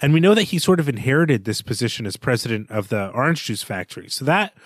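In clean, echo-free studio sound, a podcast co-host talks through a novel in a relaxed book discussion. He speaks quickly in an animated, medium-pitched voice, hedging thoughtfully and frequently starting his thoughts over.

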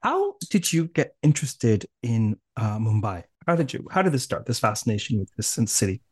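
A man's voice: medium pitch, very animated, moderate pace, husky, dry recording, clean studio sound. A Canadian man hosting an interview podcast, chatty and rambling with a casual tone. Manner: chatty, rambling, laughs often. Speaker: podcast host.

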